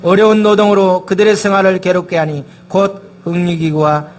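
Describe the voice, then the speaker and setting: A man's voice: high-pitched, level tone, normal speed. A male pastor preaching a sermon in a church, emphatic and firing rhetorical questions at the congregation. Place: church sanctuary.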